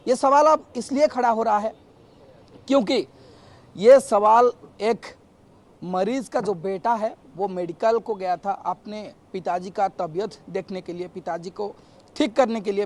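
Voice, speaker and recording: Male reporter, high voice, halting delivery, restarts and fillers, unscripted news update. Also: darkish tone. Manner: repetitive, circling phrasing.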